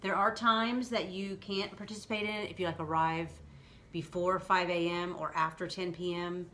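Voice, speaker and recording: A woman's voice: on the low side, steady tone, normal speed, sharp tone. A woman hosting a vlog, explaining things in loose, rambling casual chat. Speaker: vlog host. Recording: faint background noise.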